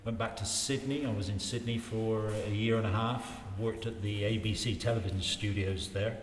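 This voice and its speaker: A man's voice: fairly low pitch, steady tone. Older man in an echoey room. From Wiltshire, England. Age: 60s. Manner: rambling, repeats phrases, halting. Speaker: interview guest in local politics. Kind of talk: casual life-story reminiscing. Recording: roomy reverberant space, faint background noise.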